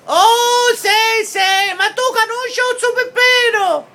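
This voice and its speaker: High-pitched Sicilian woman, slow and bright. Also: fairly even intonation. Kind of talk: chatting with a pet bird.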